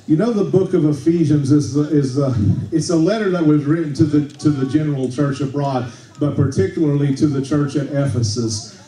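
A male pastor preaching a relaxed, conversational sermon, often checking in with the congregation and restarting his sentences. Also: a little high, fairly quick. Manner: conversational, tag questions like okay, frequent restarts. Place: church sanctuary. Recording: echoey church room, mic at a distance.

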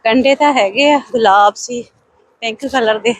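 A woman's voice: fairly high pitch, measured pace. A woman chatting casually to viewers in an exclamatory running commentary as she walks outside. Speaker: vlogger. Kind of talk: casual walking vlog chat to viewers. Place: outdoors, walking along streets. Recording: outdoor ambient noise.

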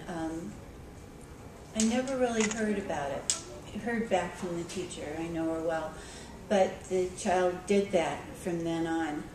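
A woman librarian giving a conversational conference talk, telling a story with frequent ums and restarts. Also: on the low side. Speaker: school librarian speaking at a conference. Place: conference room. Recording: echoey hall, recorded from far off with background noise.

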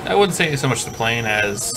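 A man in casual let's-play banter, calmly explaining the game's story and giving hints. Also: mid-range voice, normal speed, background noise. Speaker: co-host explaining the game.

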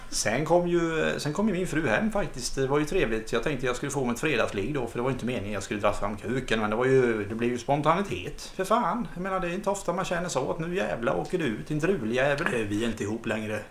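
A man telling a crude, absurd comic monologue in a halting, deadpan way. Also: mid-range voice. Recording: roomy, echoey room.

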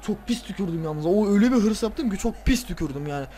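A tired man playing a football video game, casually commenting, swearing and ranting at the players with excitable outbursts. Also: high-pitched, fast talker, heavy background noise. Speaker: gaming video creator.

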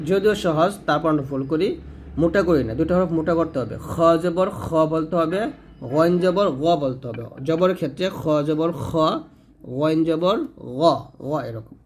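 A man teaching pronunciation step by step, stretching out each sound as he demonstrates it. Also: a little high. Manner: slow drawn-out demonstration of sounds.

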